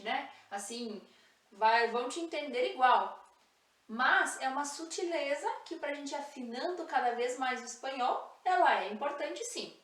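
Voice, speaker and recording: A woman teaching a language lesson, speaking slowly and clearly, repeating example words and spelling out sounds. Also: sits high, roomy sound, recorded from a distance. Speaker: Spanish teacher.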